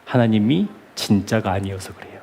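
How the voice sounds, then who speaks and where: A man's voice: lowish voice, brisk, vocal fry, slight background noise. A male pastor preaching at a midweek church service, telling a story and acting out the people in it. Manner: animated storytelling, acting out quoted voices. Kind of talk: sermon.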